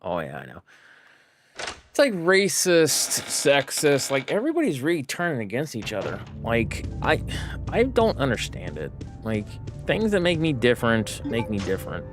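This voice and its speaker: An American man talks through a livestream as he plays, and his pitch swings widely. He rambles between fillers and quick self-corrections, thinking aloud as he goes. Game music plays clearly under his voice. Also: wildly swooping pitch. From United States. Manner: thinks aloud while playing. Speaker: streamer. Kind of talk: casual gameplay livestream chat.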